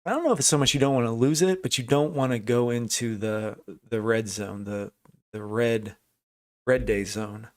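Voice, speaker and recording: A man's voice: medium pitch, normal speed. A man commenting casually on a live trading stream, thinking aloud and answering chat viewers. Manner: thinking aloud, chatty, restarts, reads out chat names. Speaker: livestream day trader.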